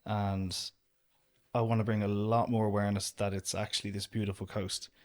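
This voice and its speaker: An Irish man in his young adult years chats easily as a guest, his voice sitting a little low. He rambles comfortably, leaning on "do you know" as he talks about being outdoors. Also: flat delivery, normal speed, a little mellow. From Ireland. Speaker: guest, outdoor business owner. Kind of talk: casual interview chat.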